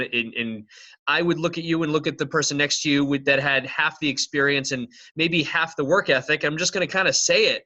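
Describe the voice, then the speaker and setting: Bright-voiced male podcast host, lo-fi. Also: on the high side. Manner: joking, thinks aloud with fillers. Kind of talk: casual interview conversation.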